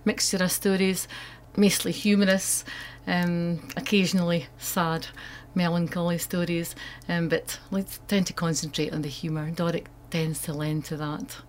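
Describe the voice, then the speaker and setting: A woman's voice: on the low side, flat delivery, moderate pace, hardly any pauses, slight background noise. A woman with a North East Scottish accent, an author answering questions in an interview. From North East Scotland. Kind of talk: interview answers about own work.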